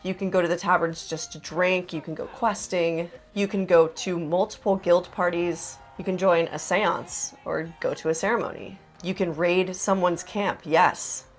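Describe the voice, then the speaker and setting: A woman's voice: on the low side, fairly even intonation, normal speed, hardly any pauses. A young adult woman narrating a casual vlog in a chatty, enthusiastic way, with lots of "like". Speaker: vlogger host.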